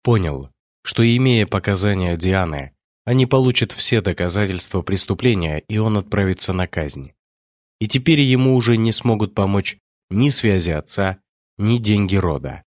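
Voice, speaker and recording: A man narrating an audiobook in a steady, measured reading. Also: lowish voice, no echo, clean studio sound. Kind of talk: scripted narration.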